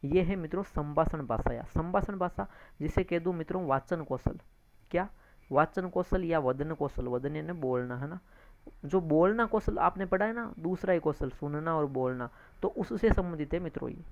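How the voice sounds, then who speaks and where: A teacher with a gravelly, creaky voice works through exam answers one by one. The teacher repeats each point, calls listeners friends and checks in with tag questions. The recording sounds dull and lo-fi. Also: medium pitch, expressive, moderate pace. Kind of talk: exam-prep lecture, explaining answers.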